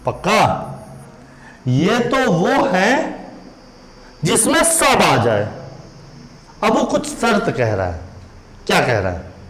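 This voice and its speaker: A man's voice: sits high, very animated, slow pace, long pauses. A male maths teacher leading a classroom lesson, quizzing students with repeated questions in a teasing, scolding tone. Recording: echoey room, faint background noise.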